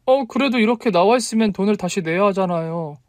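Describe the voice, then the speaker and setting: A man's voice: a little high, expressive, unhurried, a little mellow, dry recording, studio quality, pitched above the performer's own voice. A man voicing a flustered young woman who snaps with indignant questions, reading a story. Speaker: story reader.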